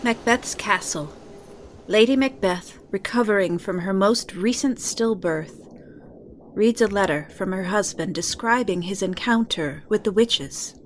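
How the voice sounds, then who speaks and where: A woman's voice: medium pitch, unhurried, slight background noise. A woman reading scripted scene narration for a drama.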